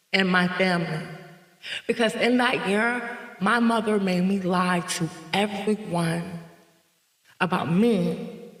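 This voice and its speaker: Slow, deliberate woman in an echoey room. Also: medium pitch, fairly bright tone. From North Carolina. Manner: slow, deliberate, emphatic repetition. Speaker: podcast host. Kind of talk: reflective personal monologue.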